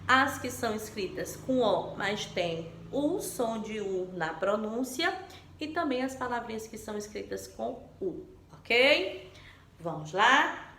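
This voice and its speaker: A woman teacher from Brazil explaining a textbook lesson to children slowly and patiently, often asking them questions. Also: medium pitch, a bit bright, reverberant, a little hiss or hum. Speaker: primary school teacher. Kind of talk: remote class lesson explanation.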